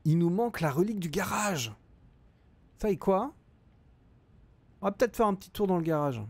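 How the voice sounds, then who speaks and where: A man's voice: high voice, lively intonation, normal speed, dry recording. Chatty French-speaking man streaming a game. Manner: chatty, thinks aloud with frequent hesitations. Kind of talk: live gameplay commentary reading chat.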